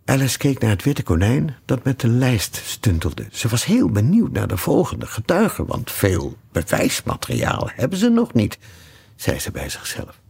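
A man reading a children's classic aloud with lively, expressive narration. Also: mid-range voice, moderate pace, creaky, few pauses, slightly rough. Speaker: audiobook reader. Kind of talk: storybook reading.

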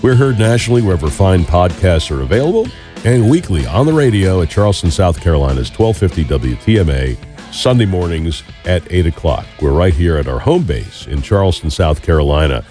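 A man co-hosting a weekly radio show, speaking in a measured announcer manner as he reads a guest's bio. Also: low voice, big pitch swings, dark tone, soft background music.

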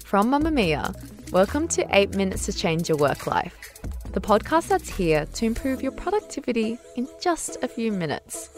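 Upbeat woman podcast host, lively pitch. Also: moderate pace, soft background music. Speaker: podcast host, productivity expert. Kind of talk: scripted podcast narration.

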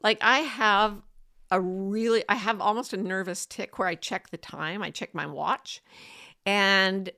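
A woman hosting a casual, personal talk for an online audience, chatty and informal, with an animated, emphatic delivery that addresses listeners familiarly. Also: mid-range voice, a little slow. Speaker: host of a weekly broadcast.

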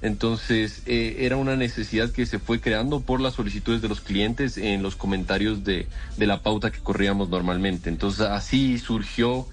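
Man explaining calmly. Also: fairly low pitch, moderate pace, few pauses. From Ecuador. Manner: explanatory, with frequent hesitations. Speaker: guest, entrepreneur. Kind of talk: radio interview.

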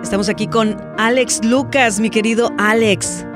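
A woman's voice: on the high side, fairly even intonation, normal speed. A woman hosting an interview show, encouraging her guest with short affirmations. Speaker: host. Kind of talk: casual interview. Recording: music bed underneath.

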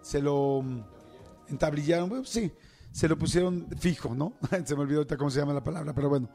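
A man's voice: on the high side, fast talker, vocal fry, faint music behind. A middle-aged man with a Mexican Spanish accent, hosting a show and chatting casually as he tells listeners a story, acting out the voices and screams. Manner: chatty, animated, acts out screams and quotes. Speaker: radio show host.

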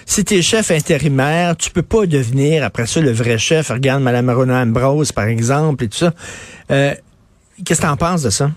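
A man's voice: mid-range voice, animated, moderate pace, no echo. Colloquial Quebec French man hosting radio. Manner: colloquial, opinionated. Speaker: radio show host. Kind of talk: casual current affairs discussion.

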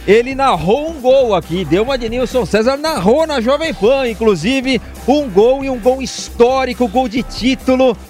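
A man's voice: very high voice, animated, normal speed, hardly any pauses, darkish tone, faint music behind. A man co-hosting a sports radio show with conversational banter and anecdotes, repeating phrases for emphasis.

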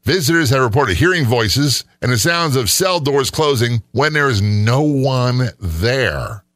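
A man's voice: mid-range voice, animated, unhurried, fairly bright tone, no echo, clean studio sound. A middle-aged man co-hosting a casual chat, skeptical and sarcastic, often rambling. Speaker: podcast co-host.

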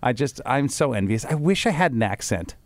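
A man's voice: medium pitch, big pitch swings, a little fast, dry recording. A middle-aged Canadian man chatting on a morning radio show, voice sitting mid-range, recorded close and dry with no room sound. He rambles, restarts his sentences and laughs easily. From Bruce County, Ontario, Canada. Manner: rambling, self-interrupting, laughs often. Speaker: radio co-host. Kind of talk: casual chat.

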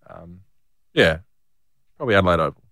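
A young Australian man co-hosting a podcast, playful and needling, quick to laugh. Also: deep voice, lively intonation, creaky, fairly bright tone, no room sound, studio quality. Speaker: podcast co-host, footballer. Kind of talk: casual podcast chat.

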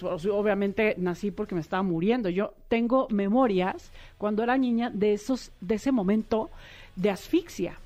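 A middle-aged woman, a psychotherapist guest explaining ideas in a warm, expressive way. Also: fairly high pitch. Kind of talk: casual interview chat.

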